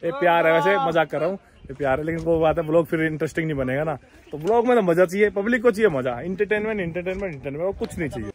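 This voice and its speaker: This male vlogger talks fast in a slightly high voice while exploring a hilltop fort outdoors. He's excitable and jokey, hailing strangers and bantering casually with people walking by.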